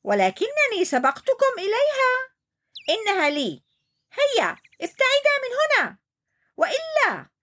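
A woman voicing a selfish, bossy young male hippo in a children's storybook, shouting that everything is his. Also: huge pitch swings, a little slow, long pauses, exaggerated voice. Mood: bossy, threatening. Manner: shrill, shouting, possessive.

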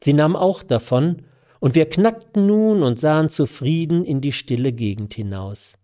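Mellow-voiced man reading a novella aloud. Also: on the high side, animated. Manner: unhurried storytelling, chatty asides. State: scratchy throat. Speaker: reader of a novella. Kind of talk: live sight-reading of classic prose.

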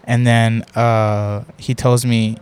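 A young podcast host tells a long story in a loose, rambling way, cursing constantly and packing his speech with "like". His voice is medium in pitch, level, and slow, somewhat mellow, clear, and resonant.

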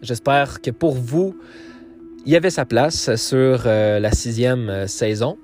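A podcast host from Quebec, Canada, speaking with a Quebec French accent, wraps up his solo episode with a casual outro full of fillers and restarts. His mid-range voice is a little mellow and slow-paced, with faint music behind him.

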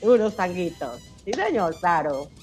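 A woman's voice: lowish voice, sing-song, measured pace, a little mellow, soft background music. A woman from eastern Cuba with an eastern Cuban accent, chatting as a singer in a radio interview. She talks expressively and laughs often. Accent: eastern Cuban Spanish. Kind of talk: casual radio interview chat.

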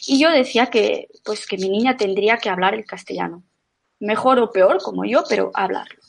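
Speaking fairly quickly with a husky, fry-tinged medium-pitched voice, a middle-aged Menorcan woman chats casually as a podcast guest. She's talkative, leans on fillers, and keeps starting her sentences over.

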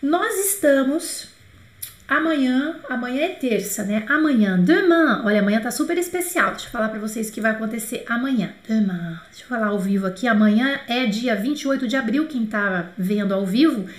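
A high-pitched Brazilian woman leads a live online French class in an echoey room. She talks in a chatty, lively way and slows down to repeat phrases for learners to copy. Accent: Brazilian Portuguese. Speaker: French teacher. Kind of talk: live online language lesson.

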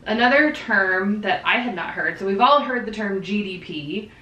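A woman's voice: mid-range voice, lively intonation, moderate pace, sharp tone, highs cut off. A woman co-hosting a podcast, explaining statistics terms in casual chat with frequent fillers and easy laughs. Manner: chatty, laughs easily, many fillers. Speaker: podcast co-host. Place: living room with dog present. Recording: roomy echo, distant mic, faint background.

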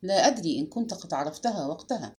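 A woman reading aloud and voicing a calm, shrewd old spinster detective who speaks low, slow and measured. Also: close to an everyday voice. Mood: grave, knowing.

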